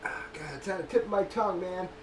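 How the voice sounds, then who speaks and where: A man's voice: high-pitched, quick pace, background noise. A man streaming casually, telling a rambling, profane story and stalling as he gropes for names. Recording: echoey room with faint ambience.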